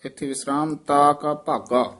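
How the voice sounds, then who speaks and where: A man teaching scripture recitation, chanting lines slowly and adding quick quiet corrections about pauses. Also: a little high, steady tone.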